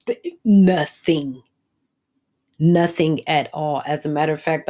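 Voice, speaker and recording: A woman with a notably low voice, running through a TV episode in a loose, chatty monologue. She swears freely and keeps turning to her audience directly as she tells it. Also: vocal fry, darkish tone. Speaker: TV episode recapper. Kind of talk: casual recap monologue.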